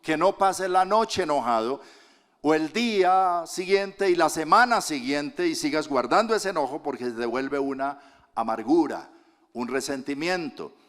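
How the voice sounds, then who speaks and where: A Colombian man preaching a sermon as pastor, moving from loud emphatic lines to soft hushed asides. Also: on the high side, animated, measured pace. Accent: Colombian Spanish.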